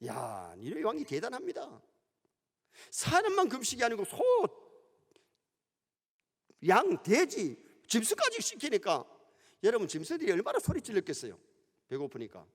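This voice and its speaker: A middle-aged pastor with a Gyeongsang Korean accent, preaching a sermon in an animated storytelling manner in a church sanctuary. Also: male voice, high-pitched, normal speed, slightly rough. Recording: long church hall reverb.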